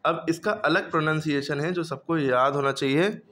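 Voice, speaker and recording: A man's voice: on the high side, normal speed, fairly bright tone. A man teaching English reading in a patient classroom lesson, drilling students with repeated questions.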